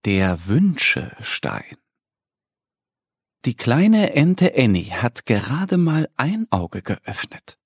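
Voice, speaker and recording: A man narrating a children's story in a slow, expressive, sing-song way. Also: mid-range voice, breathy edge, dry recording, studio quality.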